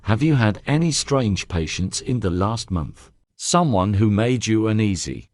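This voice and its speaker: Guy reading as a courteous old detective, soft questions, lively lowish voice. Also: unhurried, no room sound, studio quality. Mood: calm probing. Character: elderly male Belgian detective, calm and probing.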